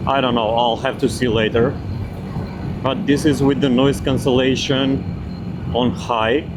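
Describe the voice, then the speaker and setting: A man's voice: mid-range voice, flat delivery, measured pace. A man casually thinking aloud while riding a small scooter outdoors, through a clip-on mic with noise reduction processing artifacts. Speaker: vlogger testing a wireless mic. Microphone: small wireless clip-on mic. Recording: outdoor wind and traffic noise. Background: wind, engine and traffic noise.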